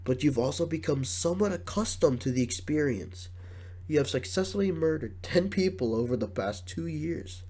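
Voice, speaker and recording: Congested and clearly sick, this man hosts a casual podcast, joking and laughing often as he reads questions aloud. His nasal voice sits on the high side, warm in tone, with lively intonation at a moderate pace.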